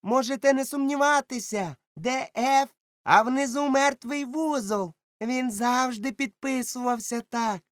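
A rough pirate, put on by a male reader, squeals in a voice pushed far above his usual range and stretches his words out slowly. The reading is close and dry. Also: dry recording. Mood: excited. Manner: high, stretched-out exclamations.

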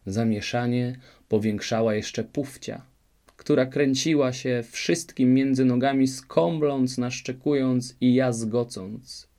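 A man narrating a fairy tale in an expressive, varied storybook reading. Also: mid-range voice, takes it slowly.

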